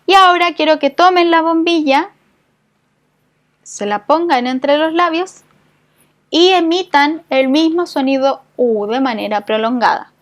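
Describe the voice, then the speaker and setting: High-voiced woman teaching a voice class. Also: a little slow. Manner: patient, explanatory, frequent check-ins with the class. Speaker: voice therapy instructor. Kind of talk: community class lesson.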